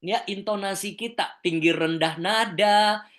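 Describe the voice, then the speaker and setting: An Indonesian man coaching a large online audience on how to speak. He talks in a lively, teacherly way, swinging between flat examples and exaggerated ones to show intonation. The sound is that of a video call. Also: sits high, a little slow. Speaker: communication coach. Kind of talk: webinar lecture.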